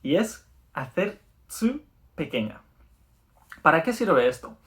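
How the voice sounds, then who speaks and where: An upbeat Spanish man gives a video language lesson in a slightly high, somewhat bright voice with big swings in pitch. He explains things, repeats words slowly, and checks in with "¿vale?".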